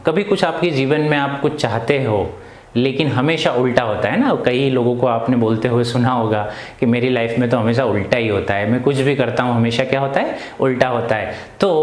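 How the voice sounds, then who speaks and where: A male teacher explaining an English poem to schoolchildren in Hindi, reading the lines slowly and asking the class questions. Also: mid-range voice, roomy sound. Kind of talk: classroom poetry lesson.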